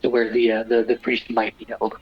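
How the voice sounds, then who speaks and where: A man's voice: mid-range voice, monotone, brisk, slightly rough, dull audio. A man talking casually as a player in a tabletop role-playing game.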